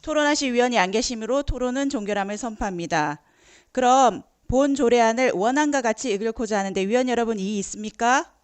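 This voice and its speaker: A woman chairs a district council committee, calling for questions and declaring results in formal procedural phrasing. Her voice is smooth and a little high, heard in a dry room. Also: dry recording.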